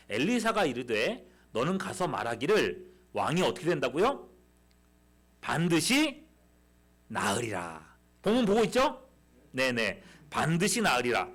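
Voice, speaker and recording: A man's voice: on the high side, a bit bright. A man preaching a youth sermon, retelling a story dramatically and asking his listeners questions. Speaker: youth pastor.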